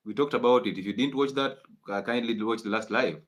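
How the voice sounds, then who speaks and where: A man's voice: mid-range voice, fairly quick. A man giving a live-streamed health lecture, emphatic and preachy, repeating his key points. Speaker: health educator.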